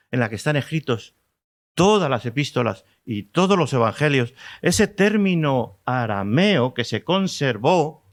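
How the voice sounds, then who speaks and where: Spanish preacher teaching a sermon. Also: male voice, medium pitch. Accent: Spanish from Spain. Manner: teaching tone with rhetorical questions to the congregation; repeats key words for emphasis.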